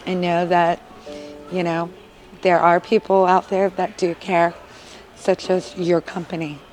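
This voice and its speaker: A woman's voice: fairly low pitch, darkish tone, rough recording. A woman, a mother, giving an earnest, emotional testimonial in an interview. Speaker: parent interviewee.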